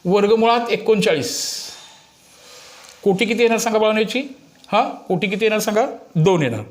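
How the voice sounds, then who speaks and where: High-pitched male teacher explaining to children. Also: moderate pace. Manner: explaining to children, with frequent check questions and coaxing prompts. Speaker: school maths teacher. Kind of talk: maths lesson, explaining step by step.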